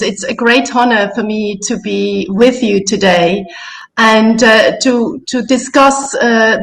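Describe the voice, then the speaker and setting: A woman from Switzerland giving a measured webinar address, at times searching for words. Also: a little high, a bit bright, poor audio. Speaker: invited speaker.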